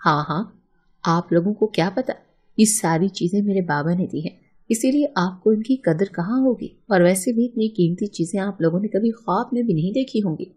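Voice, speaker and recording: Lady reading as a snooty young bride, picks fights, low mellow voice, a bit husky. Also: lightly acted. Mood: scornful. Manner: scornful, quarrelsome. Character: proud, sharp-tongued young bride from a rich family. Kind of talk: storybook narration.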